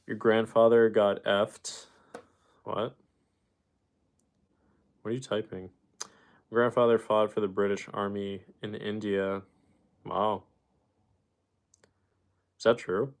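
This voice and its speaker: A man's voice: fairly low pitch, flat delivery, slow, pauses often. A man live streaming, reading viewer comments aloud and answering them in loose, rambling casual chat. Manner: rambling, with fillers and restarts.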